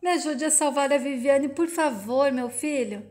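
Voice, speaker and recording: A woman's voice: sits high, normal speed, a little mellow, lightly acted. A woman reading the lines of a weeping older father who begs for help. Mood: pleading. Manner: pleading, breaking into sobs. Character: grief-stricken older father pleading in tears, man.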